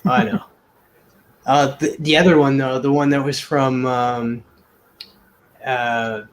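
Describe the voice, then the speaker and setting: A man's voice: mid-range voice, steady tone, slow pace, poor audio. A man on a drawing talk show, chatting casually and rambling with many hesitations and restarts. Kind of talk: casual chat while drawing.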